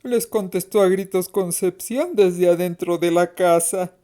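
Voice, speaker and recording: A woman narrating a mystery story in a slow, expressive, suspenseful reading. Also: on the low side.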